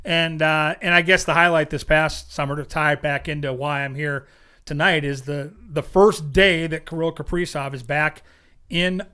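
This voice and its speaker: A man's voice: on the high side, steady tone, normal speed, sharp tone, clear, resonant tone. A man appearing as a guest sports analyst, telling chatty anecdotes. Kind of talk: interview storytelling.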